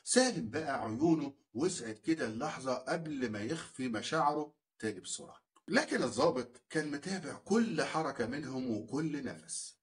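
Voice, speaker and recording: Lively Egyptian man telling a crime story. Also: medium pitch, moderate pace. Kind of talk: dramatic crime story narration.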